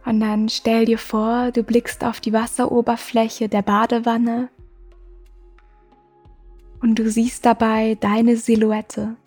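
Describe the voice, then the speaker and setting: A woman hosting a meditation podcast, guiding the listener in a soft, slow, soothing way with long pauses. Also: a little high, monotone. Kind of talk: guided meditation. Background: music.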